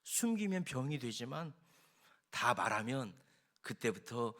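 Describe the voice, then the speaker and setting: A male senior pastor preaching a Sunday sermon in a church, emphatic and swinging from loud declarations to quiet confiding. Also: mid-range voice, big pitch swings, unhurried. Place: church sanctuary.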